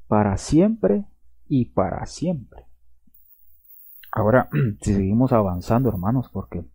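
A man's voice: mid-range voice, warm tone, slightly rough, no echo. A man preaching a sermon in an earnest way, repeating himself and checking in with his listeners as he goes. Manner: earnest, repeats himself, tags lines with a questioning aside. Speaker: pastor. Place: church or teaching setting with slides.

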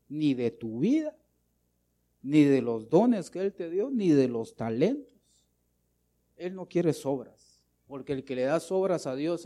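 Man preaching a fiery sermon. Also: a little high. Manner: preaching with rhetorical questions and repetition; swings between loud emphatic bursts and quiet asides. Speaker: pastor.

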